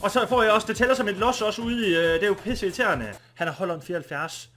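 A man streaming a football video game with a Danish accent, commenting live and getting excited, shouting and swearing often. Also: high-pitched, soft background music. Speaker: gaming streamer.

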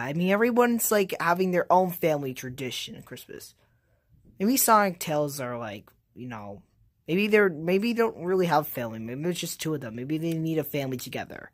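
A woman voicing an eager plumber hero who rambles excitedly to himself in a homemade plush toy skit. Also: mid-range voice, no echo, studio quality, natural voice. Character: eager plumber hero, a grown man who loves snacks.

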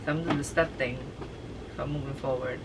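A woman's voice: very deep voice, steady tone, fast, recorded from a distance, background noise. A woman in playful couple banter, giggling and fishing for praise from her partner. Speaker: co-host of couple channel.

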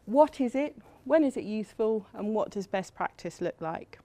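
A woman's voice: mid-range voice, lively intonation, normal speed, mellow. A middle-aged woman from England giving a university lecture in a chatty, self-deprecating way with frequent ums. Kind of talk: academic lecture.

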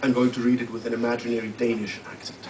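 A man introducing his poem at a live reading, halting and searching for words as he explains it. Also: mid-range voice. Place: live literary event hall. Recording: roomy, distant live mic with faint hum.

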